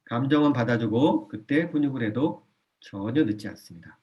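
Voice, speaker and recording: A man with a mid-range voice gives an animated parenting lecture in a church. He checks in with his listeners and repeats his key points so they stick. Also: mid-range voice, moderate pace, dull audio. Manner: animated, often acts out a parent's lines in a soft voice. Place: church hall.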